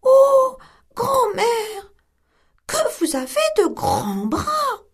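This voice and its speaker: A woman doing a very high, innocent little girl. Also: wildly swooping pitch, extremely slow, heavily acted. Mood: wondering. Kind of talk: storybook reading.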